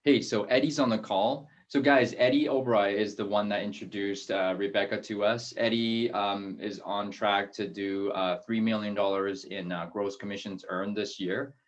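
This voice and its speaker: A man's voice: lowish voice, fairly even intonation, moderate pace, few pauses, dull audio. A man hosting a talk, speaking casually with frequent fillers and restarts. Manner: hesitant, with fillers. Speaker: host. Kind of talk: casual interview chat.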